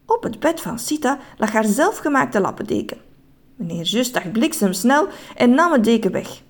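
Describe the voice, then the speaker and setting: Animated woman reading a children's story. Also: on the high side, moderate pace. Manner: expressive, animated telling.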